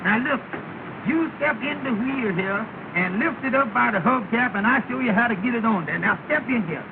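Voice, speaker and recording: An actor playing Amos, an eager young taxi driver who pleads and fusses in a fast dialect, on an old 1930 film soundtrack. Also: male voice, very high-pitched, animated, vocal fry, phone-quality sound, noisy background, exaggerated voice. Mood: bossy. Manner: pleading, fussy, quick dialect talk.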